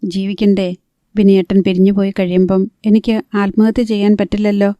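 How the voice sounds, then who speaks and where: A woman's voice: medium pitch, little pitch movement, a little fast, no echo, muffled recording, lightly acted. A woman reading the part of an anxious, practical young woman who pleads earnestly and keeps her voice down. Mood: pleading.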